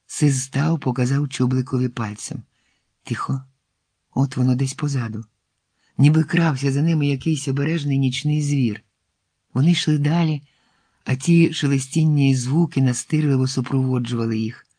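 A man narrating a fairy-tale adventure in an expressive storybook reading, dropping to a hush at tense moments. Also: mid-range voice, normal speed, no echo.

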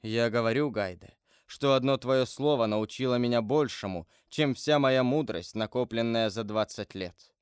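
A man reading an audiobook aloud and voicing a grave, brooding nobleman who speaks in a solemn, measured way. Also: mid-range voice, clear, resonant tone, no room sound, studio quality, close to an everyday voice. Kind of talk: audiobook character voice.

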